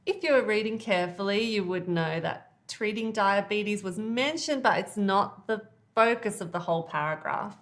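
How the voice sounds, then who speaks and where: A woman at a middle pitch teaches an online exam-prep lesson. She explains reading techniques in a clear, patient, emphatic way, guiding the listener step by step. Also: normal speed. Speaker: IELTS teacher.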